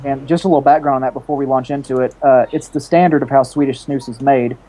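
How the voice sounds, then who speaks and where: A man's voice: medium pitch, fairly even intonation, fast talker, mellow, rough recording. A man co-hosting a casual online panel, speaking earnestly for his cause, on a home computer mic over a video call. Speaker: podcast co-host.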